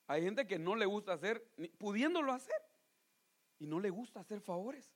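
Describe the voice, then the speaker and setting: A man preaching a sermon, moving between loud pleading appeals and hushed asides, often calling his listeners brother. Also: high-pitched, lively intonation, moderate pace. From Guatemala.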